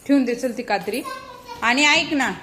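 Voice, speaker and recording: A young woman with a Marathi accent chatting in a family vlog, talking softly to the camera and calling out loudly to her small children. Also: high-pitched, moderate pace, background noise. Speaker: vlogger and mother. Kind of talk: casual family vlog chat. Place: home and school grounds.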